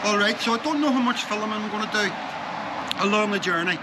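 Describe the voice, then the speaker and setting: A man's voice: high voice, quick pace, heavy background noise. A man from Northern Ireland with a Northern Irish accent, chatting casually to his vlog in a rambling way that trails off and changes track mid-thought. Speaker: travel vlogger. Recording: loud music over the voice.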